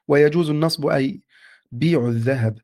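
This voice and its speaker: A man's voice: a little high, measured pace, slight background noise. Man reading a classical text aloud. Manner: steady, respectful recitation. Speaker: student reading a text to his teacher.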